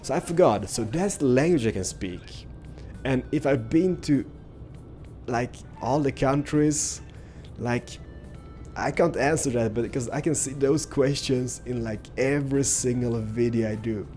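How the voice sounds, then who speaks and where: Faint music plays behind a young man from Sweden, Swedish his first language, who comments loosely on his gameplay as a YouTuber, full of "like" and "stuff like that." He speaks unhurriedly in a medium, dark-toned voice.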